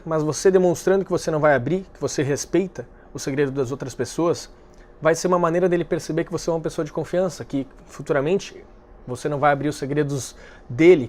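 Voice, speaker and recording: A man hosting a dating-advice video, speaking calmly and directly to the viewer, explaining step by step. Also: a little high, a little fast. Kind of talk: direct-to-camera advice talk.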